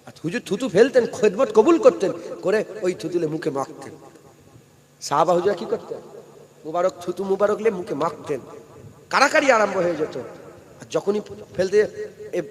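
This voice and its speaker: Male preacher, high voice, big PA reverb, loud declamation dropping to hushed asides. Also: lively intonation, moderate pace, pauses often. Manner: swings from loud rising declamation to low confiding asides. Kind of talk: Islamic sermon at a night gathering.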